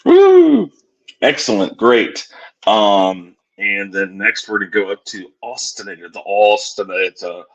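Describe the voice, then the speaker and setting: A man's voice: fairly low pitch, fairly even intonation, measured pace, a bit bright, poor audio. A man casually hosting an online round table, steering the chat between guests.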